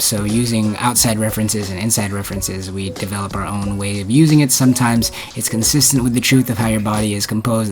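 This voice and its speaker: A man's voice: fairly low pitch, noisy background. A man vlogging in a casual, laid-back way, talking slangy and calling people dude and bro. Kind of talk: casual vlog monologue. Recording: loud background music.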